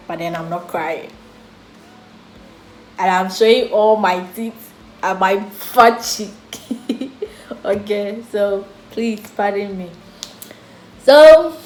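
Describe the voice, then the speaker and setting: A young woman with a Ghanaian English accent tells a storytime vlog, talking slowly and unhurriedly. She is chatty and lighthearted even about serious matters. Her voice echoes in the room, with faint noise behind her. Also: mid-range voice. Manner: slow, chatty, jokes and laughs about serious things. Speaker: vlogger.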